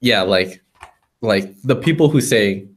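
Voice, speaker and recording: Low-voiced young man chatting casually. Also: lively intonation, takes it slowly. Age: young adult. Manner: casual swearing. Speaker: podcast co-host. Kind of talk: casual chat. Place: library room.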